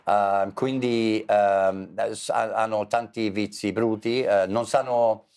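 A man's voice: on the low side, slow. Man teaching in Italian. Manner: animated, hesitant, switching between Italian and English. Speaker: English teacher and author. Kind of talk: conversational interview.

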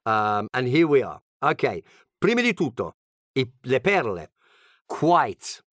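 A man's voice: mid-range voice, sing-song, slow, a bit bright, no echo, studio quality. A man from England with an English accent and English as his first language, giving a playful, joking language lesson as a teacher. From England (Birmingham).

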